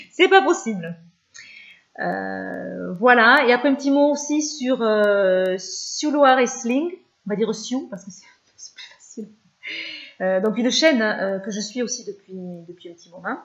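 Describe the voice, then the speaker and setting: Woman vlogger, casual chat, many fillers and pauses, mid-pitched voice, slightly dull lo-fi sound. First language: French. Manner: hesitant, many fillers, warm and chatty. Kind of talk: casual chat about favorite channels.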